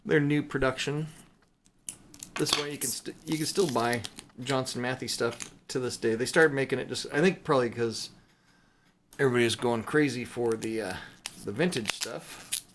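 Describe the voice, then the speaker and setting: Showing off his silver bullion purchases, a man speaks at a moderate pace in a mid-range, slightly bright voice. His show-and-tell is casual, unscripted and rambling, dotted with mildly playful exclamations, and there's a little hiss or hum.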